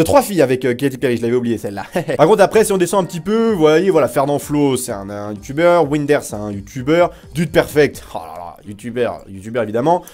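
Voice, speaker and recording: A young man giving casual reaction commentary as a YouTuber, excitable and exclamatory, full of slang. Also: fairly high pitch.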